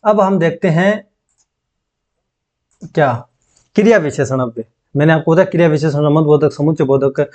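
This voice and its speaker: A man teaching an exam-prep grammar lesson, dictating slowly and repeating phrases so students can take notes, often checking in with them. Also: on the high side, a little mellow.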